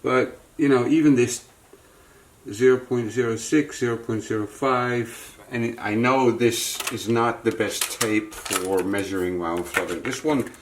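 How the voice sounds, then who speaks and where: Unhurried and steady in tone, a medium-pitched repair technician hosts his channel with an off-the-cuff repair demonstration, muttering and thinking aloud as he works. A little background noise is present.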